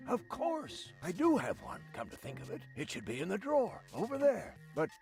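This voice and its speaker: A man's voice: sits high, huge pitch swings, normal speed, darkish tone, faint music behind, heavily acted. A man voicing a polite, dry-witted eccentric scientist in a video game.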